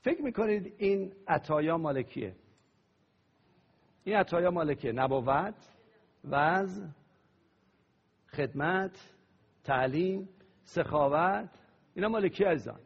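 A pastor preaching a sermon, praying aloud and leading the congregation in call-and-response. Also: male voice, a little high, animated, pauses often, husky. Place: church hall. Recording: dull lo-fi sound with long hall reverb.

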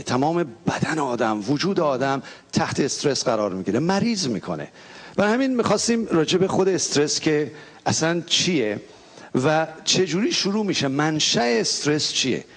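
A man preaching a lively sermon from a church pulpit, joking and coaxing the congregation into call-and-response. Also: on the high side. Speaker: pastor.

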